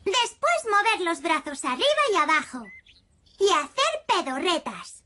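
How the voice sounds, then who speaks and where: A woman's voice: very high voice, big pitch swings, measured pace, background noise, exaggerated voice. A woman voicing a bossy, eager little girl pig in a Castilian Spanish cartoon dub, with an emphatic, instructing manner. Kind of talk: children's cartoon dubbing.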